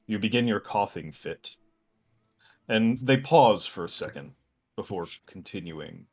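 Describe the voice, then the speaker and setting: A man runs a tabletop game as its game master. His voice sits fairly low, and he lays out each scene in a measured, descriptive manner. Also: animated.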